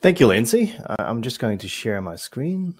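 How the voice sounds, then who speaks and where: A man's voice: mid-range voice, very animated, normal speed, darkish tone, husky, no echo, clean studio sound. A man in his forties, originally from the Netherlands, giving a webinar presentation in a conversational way with fillers and self-corrections, on a video call mic. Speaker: webinar speaker. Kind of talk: presentation talk.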